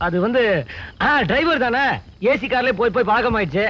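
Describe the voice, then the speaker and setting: A man's voice: very high voice, a little fast, fairly bright tone, highs cut off. An actor playing a shy young male driver who keeps protesting bashfully, in an old film soundtrack with music.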